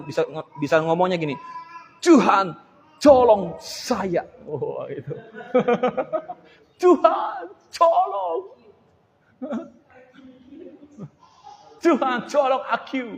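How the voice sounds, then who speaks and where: High-voiced male pastor preaching. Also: big-room sound. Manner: animated, jokes and calls out to the congregation. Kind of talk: sermon. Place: church hall.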